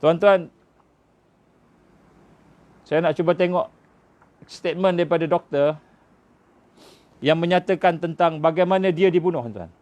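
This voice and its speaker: A man with a Malaysian Malay accent preaching, telling a story with emotion that climbs into fervent, high-pitched appeals and sinks low for quoted words. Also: unhurried, long pauses, darkish tone. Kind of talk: sermon storytelling. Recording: dull lo-fi live stream audio.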